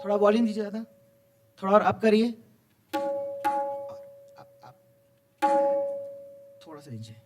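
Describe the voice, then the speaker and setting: A man with an animated, encouraging manner, teaching tabla to students in a school hall. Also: high voice, takes it slowly, long pauses, over loud music. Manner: animated, encouraging, recites tabla syllables aloud. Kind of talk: lively school music workshop. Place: school hall with live music.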